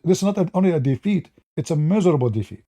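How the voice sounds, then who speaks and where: Rapid-fire and a little high, with a breathy edge, this man's voice carries rambling political commentary that mocks its subjects. He speaks straight to viewers in a mellow, relaxed way and frequently restarts sentences.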